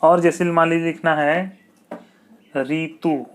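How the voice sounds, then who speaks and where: A man's voice: a little high, fairly even intonation, a little hiss or hum. A man teaching an exam-prep grammar lesson, repeating key points and asking checking questions. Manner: slow, repetitive, asks checking questions.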